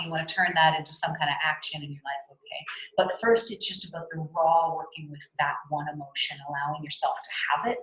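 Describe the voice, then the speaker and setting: Low-voiced woman leading a spiritual talk. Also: roomy sound, rough recording. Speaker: spiritual workshop facilitator. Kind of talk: guided teaching on a video call. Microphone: video call.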